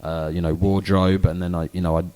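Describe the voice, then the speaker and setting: British guy w chavvy accent, deep n soft-edged voice, rambly casual podcast talk. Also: level tone, fairly quick. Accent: British, self-described chavvy. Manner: informal and rambling, many "you know"s. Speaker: podcast co-host. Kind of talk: casual educational chat.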